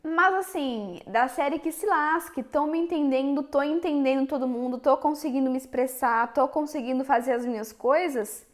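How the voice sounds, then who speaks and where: In her casual vlog, a young Brazilian woman speaks to viewers with a high voice at normal speed, barely pausing. Her Portuguese carries a Minas Gerais accent, and she's frank and direct.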